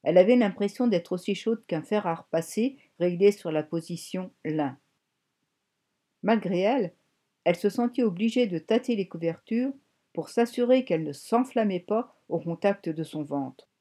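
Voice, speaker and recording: Brief: female audiobook narrator, mellow timbre, measured and expressive. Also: mid-range voice. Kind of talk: scripted narration.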